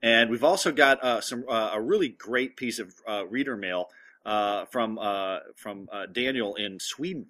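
A man hosting a casual podcast with halting delivery, sounding inside a fishbowl through a headset earpiece in a large room. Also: fairly low pitch, pushed and bright. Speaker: podcast host. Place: large echoey room, travelling. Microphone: portable headset earpiece.

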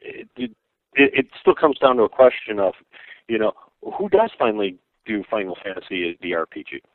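A man co-hosting a podcast over the phone, talking in a halting, thoughtful way with many fillers. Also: on the low side, sing-song, no room sound. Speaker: podcast co-host. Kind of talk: casual chat. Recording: tinny phone line.

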